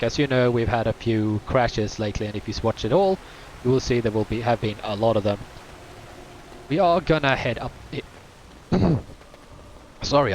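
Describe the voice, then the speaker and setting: A man's voice: fairly low pitch, a little hiss or hum. A rambling man commenting on gameplay. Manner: rambling, with many fillers and self-corrections. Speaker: streamer playing a game. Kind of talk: casual let's-play commentary.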